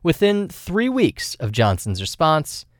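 A man's voice: a little high, huge pitch swings, takes it slowly, no echo, studio quality. A man narrating a scripted radio news feature as a reporter.

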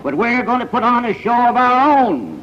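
Brief: boastful showman, high and swooping, old dull newsreel sound with music under him. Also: big pitch swings, moderate pace. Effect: 1930s newsreel archive clip. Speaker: newspaper owner and civic booster. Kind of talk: rousing public speech.

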